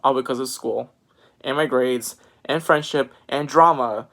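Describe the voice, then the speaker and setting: Slow-talking teenage boy vlogging. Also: medium pitch, fairly bright tone. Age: teens. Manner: rambling, switches accents at random. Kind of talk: casual vlog chat. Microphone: phone.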